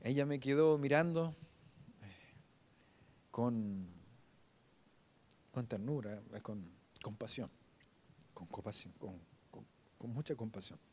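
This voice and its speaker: Emotional preacher telling a testimony. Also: male voice, mid-range voice, a little mellow, slight background noise. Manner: emotional, halting storytelling with many restarts. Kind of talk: sermon testimony.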